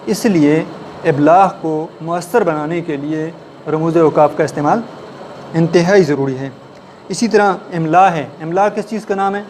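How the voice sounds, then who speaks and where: A man's voice: a little high, darkish tone, slight background noise. A man teaching a writing class in a classroom, explaining step by step and often putting questions to the listeners. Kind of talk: classroom lecture. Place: classroom with a board.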